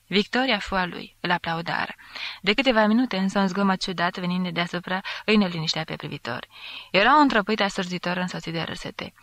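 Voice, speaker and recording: An audiobook narrator reading a classic novel aloud in a steady literary reading style, now and then lifting the voice to act out shouted lines. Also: mid-range voice, no echo. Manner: acts out quoted shouts with a raised voice.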